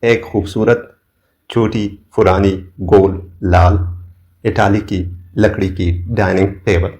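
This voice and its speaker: Man, grammar lesson, deep-ish voice, very slow measured delivery, dictating examples. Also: fairly even intonation, darkish tone. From Pakistan. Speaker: English teacher. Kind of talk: grammar lesson explaining in Urdu.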